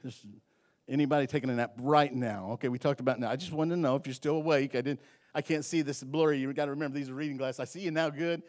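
A middle-aged man preaching an evening sermon in a church, swinging between loud and soft and repeating words as he goes. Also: mid-range voice, fairly even intonation, quick pace. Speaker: pastor. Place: church sanctuary.

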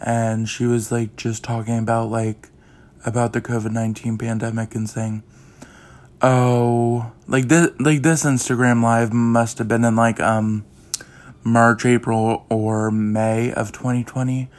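A man's voice: medium pitch, level tone, a little slow. A young man hosting his own podcast, chatting casually and rambling with lots of fillers. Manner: rambling, heavy use of "like" and "um". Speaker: podcast host. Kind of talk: casual chat.

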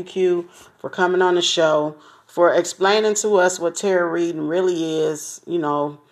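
Upbeat slangy woman podcast host. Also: deep voice. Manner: upbeat, slangy and chatty, addresses listeners directly; smiling and laughing as she talks. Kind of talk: casual podcast chat.

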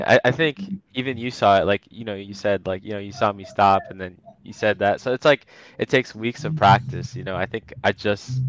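This young man from the Washington, D.C. area is a guest rapper in a podcast interview, chatting casually and laid-back with lots of laughter and filler words. His voice sits low yet carries a fairly bright tone, though the audio is dull.

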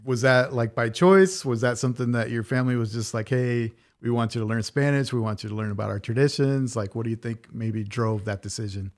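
A man's voice: mid-range voice, fairly quick, few pauses. A man hosting a podcast, interviewing a guest in a casual chat with upbeat, eager interjections. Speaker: podcast host.

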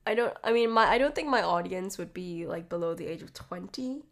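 A young adult woman hosts a casual solo podcast, her blocked nose giving her voice a slightly nasal quality. She talks briskly and animatedly in a lowish voice. Chatty and rambling, she says "like" constantly and often restarts her sentences.

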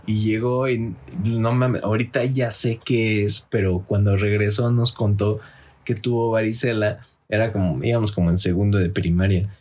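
A man's voice: fairly low pitch, fairly even intonation, normal speed, darkish tone. A young man with a Mexican accent, co-hosting a podcast in casual, joking chat full of slang. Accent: Mexican Spanish. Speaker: podcast co-host.

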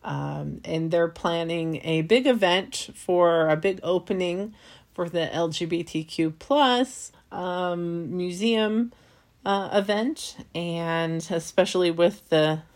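Slow-talking woman with a low voice. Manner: rambling, with fillers and soft laughs. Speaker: podcast host. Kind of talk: casual film recap.

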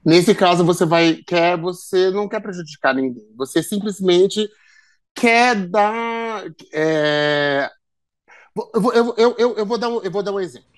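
Lively Brazilian podcast host, stumbling. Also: male voice, high voice, unhurried. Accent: Brazilian Portuguese. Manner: lively, addresses listeners, stumbles and repeats words. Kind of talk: casual podcast chat.

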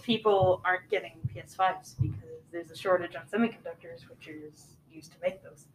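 A man's voice: sits high, fairly even intonation, brisk, a little hiss or hum, rough recording. A teenage boy as a guest on a school podcast, explaining things with stumbles and restarts. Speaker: student guest.

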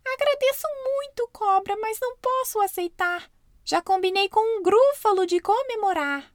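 A woman voicing a small, clever, boastful male mouse in a storybook tale, in a squeaky, playful voice. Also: animated, normal speed, no room sound, clean studio sound. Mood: polite, boastful.

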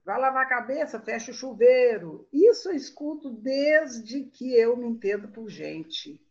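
A woman's voice: on the high side, expressive, a little slow, darkish tone. A woman in her sixties telling family stories in an interview, laughing often as she reminisces. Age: 60s. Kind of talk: storytelling interview. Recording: muffled lo-fi sound.

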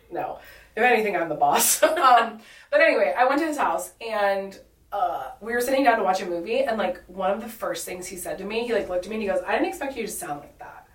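A woman's voice: mid-range voice, fairly bright tone. A woman with a Californian Valley Girl accent chatting casually in a bubbly sorority-girl way, slangy, mumbling a little and saying "like" often. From San Diego, California. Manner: mumbles and drops T's. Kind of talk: casual chat. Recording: roomy echo, distant mic.

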